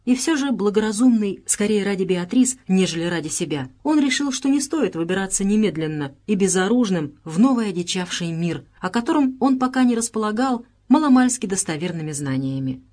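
A woman reads an audiobook aloud as its narrator. Her delivery is measured and even, as in a scripted storybook reading. Her voice sits at a middle pitch for a woman.

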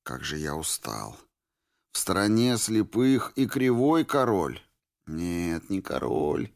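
A man playing a tired, grim deserter who speaks curtly and flatly. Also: deep voice, takes it slowly, gravelly, heavily acted. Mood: weary. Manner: tired, flat and curt. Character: weary, grim male deserter from the zone.

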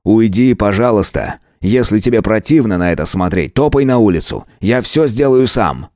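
A man's voice: lowish voice, lively intonation, moderate pace, a little mellow, no echo, studio quality, natural voice. A man voicing a hot-tempered male detective who curses and presses his partner. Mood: angry. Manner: gruff and cursing.

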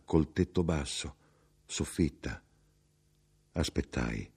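A man narrating a literary audiobook in an expressive, measured way. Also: very deep voice, husky. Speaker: audiobook reader.

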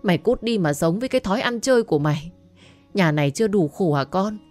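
A woman voicing a furious middle-aged mother who scolds in rapid, shouting bursts. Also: mid-range voice, animated, soft background music, pitched above the performer's own voice, close to an everyday voice.

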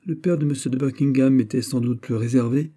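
A man's voice: mid-range voice, fairly even intonation, brisk, mellow, pitched above the performer's own voice, natural voice. Man voicing an indignant jealous young prince. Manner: heated, insistent, emphatic. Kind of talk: audiobook character voice.

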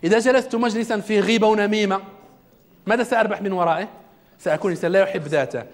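Male trainer, high voice and brisk delivery, quizzing his class. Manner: asks the audience questions; religious quotations in the talk. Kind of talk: self-development lecture to a class.

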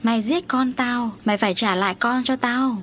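A woman's voice: medium pitch, fairly even intonation, normal speed, fairly bright tone, slight background noise, close to an everyday voice. A woman voicing a grief-maddened village mother who wails accusations. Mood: wailing. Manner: wailing, accusing. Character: grieving crazed village mother.

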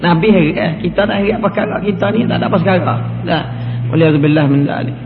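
A high-pitched man delivers a colloquial religious lecture and repeats his phrases for emphasis. His voice rings through a big echoey hall with a long tail of reverb. It comes through thin and phone-like over a faint hiss. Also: quick pace. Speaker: preacher.

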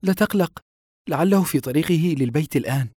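A man's voice: on the high side, quick pace, darkish tone, slightly rough, no echo, studio quality, pitched above the performer's own voice. A man voicing an anxious, fearful grown daughter in an audiobook. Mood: soothing. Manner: soothing, fearful.

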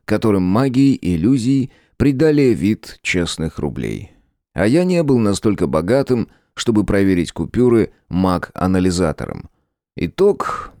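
A man reading a first-person audiobook in a gruff, sardonic storytelling manner. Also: sits low, mellow, no room sound, studio quality. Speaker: audiobook narrator.

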